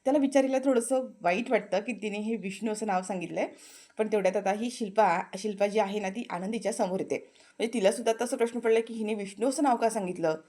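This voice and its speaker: Marathi lady recapping a tv serial episode, casual, middle pitch, acts out bits of the dialogue. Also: fast talker, dark tone. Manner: retells scenes, briefly acting out characters' lines.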